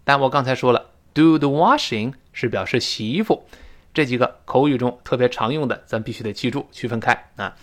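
A male English teacher with a mid-range voice gives a spoken-English lesson. He moves between chatty, storytelling-style explanation and slow, drawn-out, animated demonstrations of how words are pronounced.

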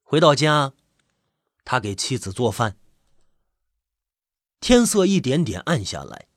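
A man with a husky voice, reading a suspense story in measured, expressive narration. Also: mid-range voice, dry recording, clean studio sound.

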